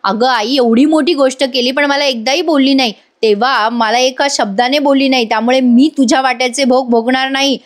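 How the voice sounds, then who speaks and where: A woman's voice: high voice, steady tone, fairly quick, few pauses, natural voice. A woman doing a sulky, resentful daughter. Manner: resentful, curt. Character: sulky young adult daughter, resentful and stubborn.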